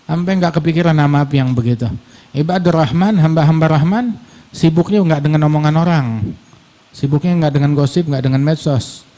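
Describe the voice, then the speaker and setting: A man preaching a sermon, telling stories lively, acting out quoted voices and mixing in Arabic phrases. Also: on the high side, a little fast.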